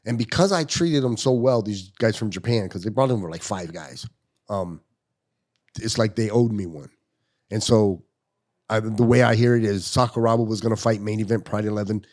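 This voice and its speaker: A man in his fifties, appearing as a podcast guest, tells stories in casual conversation and animatedly acts out the quotes. His voice is lowish and his speed normal.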